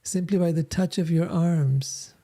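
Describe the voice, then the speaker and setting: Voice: medium pitch, a little slow, warm tone, lightly acted. A reader voicing Radha, a lovesick young goddess who implores her beloved in separation. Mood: pleading.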